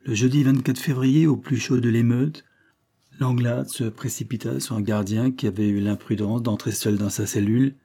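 A male narrator reading a classic novel in a measured, dramatic way. His voice is mellow and a little husky, with a steady mid-range pitch.

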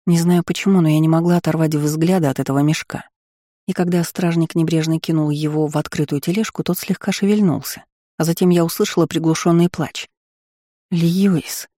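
A man narrating an audiobook in an expressive reading. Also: a little high, brisk, no echo, studio quality. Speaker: audiobook reader. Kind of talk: scripted narration.

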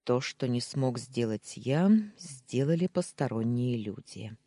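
Slow, husky audiobook narrator. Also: mid-range voice, animated, mellow, no echo. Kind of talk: first-person fiction narration.

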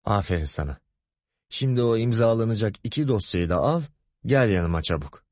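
A man's voice: on the low side, animated, moderate pace, a little mellow, no echo, clean studio sound, natural voice. A man voicing a pompous, lecherous middle-aged male boss in an audiobook, wheedling and bossy by turns. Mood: grumpy bossy. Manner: wheedling, grumbling, commanding.

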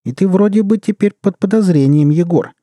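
A man's voice: high voice, a little fast, dry recording, studio quality, pitched above the performer's own voice, natural voice. A man putting on a firm, commanding young woman. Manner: quiet but firm. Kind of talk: audiobook character reading.

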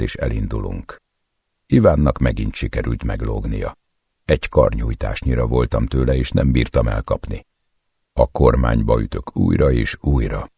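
A man narrating a first-person audiobook in a cold, measured, menacing way. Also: rumbling low, mellow, breathy edge, no room sound, studio quality.

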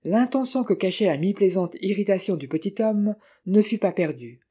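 Audiobook reader telling a novel, steady even pace, dark mellow voice. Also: medium pitch, normal speed, breathy edge. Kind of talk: scripted narration of a novel.

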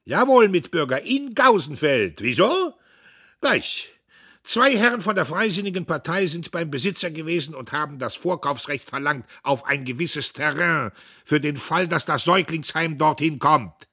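A man's voice: a little high, lively intonation, moderate pace, pushed and bright, slightly rough, voice pushed up, exaggerated voice. A man voicing a bullying, cowardly man who bellows at a crowd like a barker, in a read-aloud novel. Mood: bellowing. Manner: bellowing, boastful.

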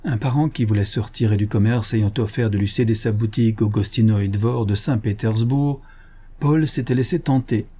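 A man narrating a nineteenth-century novella in a measured, literary reading. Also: fairly low pitch, warm tone, slightly rough. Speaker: audiobook narrator. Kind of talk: scripted narration.

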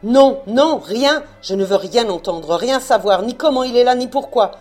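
A woman reading aloud, playing an old Breton fisherman father who is stubborn and shouts and stammers in rage, over faint music. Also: low-pitched, animated, unhurried, voice pushed down. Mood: furious.

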